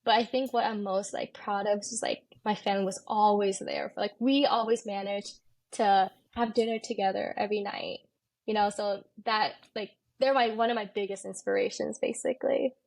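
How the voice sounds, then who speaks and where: In a relaxed interview, a twenty-something medical student from California speaks frankly and informally with an American accent, her speech peppered with "like." The voice is medium-pitched, steady and moderately paced, gravelly and somewhat dark, in a dry recording.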